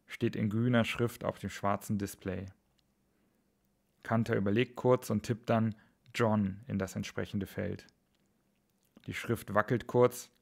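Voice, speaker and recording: A man reading his own thriller aloud in a steady, measured audiobook-style narration. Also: lowish voice, gravelly.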